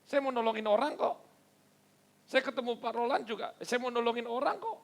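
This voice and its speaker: A male pastor preaching a sermon, animated and storytelling, with rhetorical questions to the congregation. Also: very high voice, a little fast.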